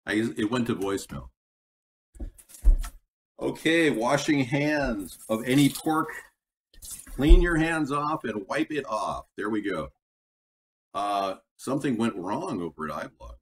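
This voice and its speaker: A man's voice: medium pitch, animated, slow pace, long pauses. Guy cooking on a livestream, tinny tin can sounding laptop mic, kinda far from it, bit of hiss. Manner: rambling, chatty, talks to chat while cooking. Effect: tinny, tin-can sounding computer mic. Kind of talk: casual cooking livestream chat. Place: home kitchen. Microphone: built-in gaming laptop mic. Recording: tinny laptop mic, set back, faint noise.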